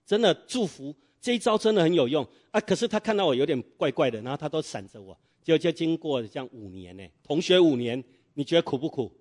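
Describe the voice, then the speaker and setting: A man's voice: a little high, expressive, fast talker, darkish tone. A middle-aged man preaching a sermon in church, telling a story and quizzing the congregation with fill-in-the-blank questions.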